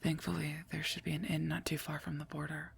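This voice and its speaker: In a whispered ASMR roleplay, a woman plays a stern, protective werewolf knight, speaking softly, formally, and breathily close to the mic. Her low, level voice moves a little fast and is heavily acted, gently scolding and earnest with a careful, concerned mood.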